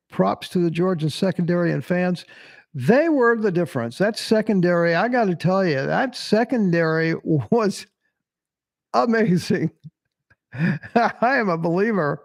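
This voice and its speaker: A man's voice: high-pitched, gravelly, no echo. A man hosting casual sports commentary, blunt and swearing freely, laughing at himself as he answers chat. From Tennessee. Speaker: sports podcast host. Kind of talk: casual live-stream commentary reading chat.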